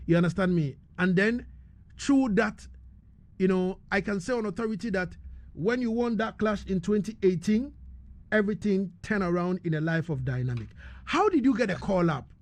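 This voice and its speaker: Man, radio host, high-pitched, studio interview, checks in with the listener often. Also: expressive, moderate pace, darkish tone. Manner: keeps asking "you understand me?".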